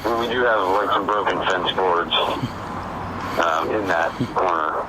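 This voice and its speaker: A male police officer speaks over the radio in a slightly low voice. He is plain-spoken and informal in his updates. The channel is clearly noisy. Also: slow.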